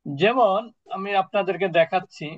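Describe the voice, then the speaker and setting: A man leads an online Arabic lesson, pausing often to quiz his students. His voice sits high, and the call audio is dull and dry, with no room sound. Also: dry recording. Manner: patient, quizzes students with questions. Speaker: Arabic teacher. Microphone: video call.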